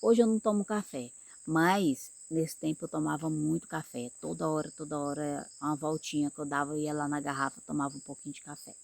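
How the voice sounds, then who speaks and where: A woman's voice: deep voice, fairly even intonation, fairly quick, vocal fry, a little mellow. A woman from Brazil giving an informal sermon in a conversational way, often repeating words and asking her listeners if they follow. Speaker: preacher.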